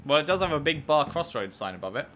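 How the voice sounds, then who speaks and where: A man's voice: fairly high pitch, sing-song, quick pace, a bit bright, soft background music. A man giving casual gameplay commentary as a let's play host, with dry sarcastic asides.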